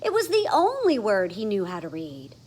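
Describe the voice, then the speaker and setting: A storybook reader with a husky, mid-range, darkish voice reads a children's story at normal speed, her pitch swooping wildly. She dramatically stresses the sound words in this animated read-aloud.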